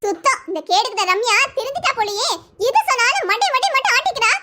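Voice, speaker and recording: A woman's voice: very high-pitched, sing-song, fast talker. A woman doing a cheeky scheming cartoon maid. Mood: wheedling. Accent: Tirunelveli Tamil. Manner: wheedling, gossipy. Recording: noisy cartoon voice track.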